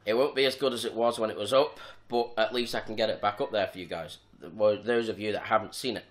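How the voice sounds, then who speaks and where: A man's voice: on the low side, quick pace. A young man, talking casually and rambling a little as he vlogs from home. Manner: relaxed, rambling, with fillers and restarts. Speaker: vlogger. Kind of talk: casual vlog chat.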